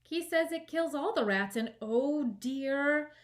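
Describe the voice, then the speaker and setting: A woman's voice: a little high, animated, measured pace, voice pushed up. A woman voicing an eager, polite young girl who chatters earnestly and apologises readily, in a children's storybook reading. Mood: apologetic, anxious.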